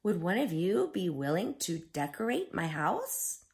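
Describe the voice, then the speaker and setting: Woman voicing an earnest, very animated little hermit crab. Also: on the low side, measured pace. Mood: admiring, polite. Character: earnest, gentle hermit crab seeking a new home. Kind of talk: children's storybook character.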